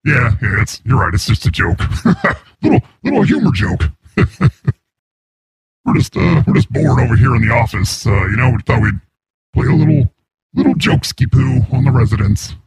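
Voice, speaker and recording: A man's voice: mid-range voice, very animated, moderate pace, a little hiss or hum. A man pranking over a call, using a voice changer to play a crude, self-important male neighborhood boss. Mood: smarmy. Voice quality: gravelly, raspy. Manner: rambling prank-call banter, mocking. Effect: voice changer distortion. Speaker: prank caller.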